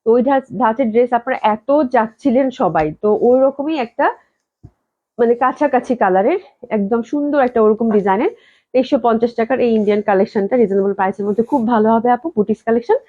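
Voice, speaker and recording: A woman from Bangladesh hosting a live clothing sale. She chats nonstop, repeats the price again and again and drops English phrases into her pitch. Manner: talks slowly on purpose to hold back a cough. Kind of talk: fast live-stream sales pitch. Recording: dull lo-fi live-stream audio.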